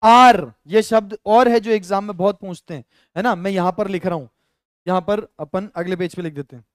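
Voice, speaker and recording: A man's voice: high-pitched, a little fast, dry recording, studio quality. A male teacher with a Rajasthani Hindi accent, explaining grammar step by step in a live online lesson and talking to viewers as friends.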